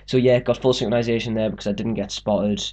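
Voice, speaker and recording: A man's voice: on the low side, steady tone, fast, mellow. A young man casually talking through a game walkthrough, explaining steps and joking around. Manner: chatty, joking, explains step by step. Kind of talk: casual gameplay commentary.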